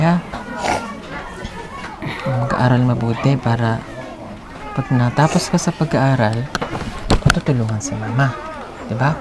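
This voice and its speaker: A woman from the Philippines vlogging as she hands out aid, talking in a coaxing, motherly way and laughing easily. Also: rumbling low. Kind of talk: casual on-camera chat.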